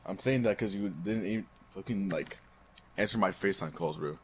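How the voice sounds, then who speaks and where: A man's voice: low voice, a little fast, breathy edge, highs cut off. A young man in casual gaming chat who talks bluntly, swears often and trips over his words. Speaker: friend on call.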